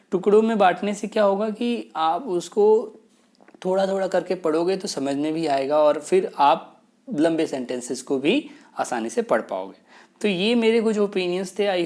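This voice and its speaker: A man giving a casual spoken lesson as a teacher, patient and explanatory, slowing right down for key phrases. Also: high-pitched, a little mellow. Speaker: English teacher. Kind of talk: casual spoken lesson, mixing Hindi and English.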